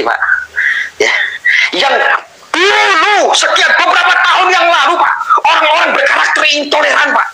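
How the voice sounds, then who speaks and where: A man from Java, a religious activist making an emotional public appeal, pleading and at times shouting. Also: a little high, slight background noise, low-quality recording.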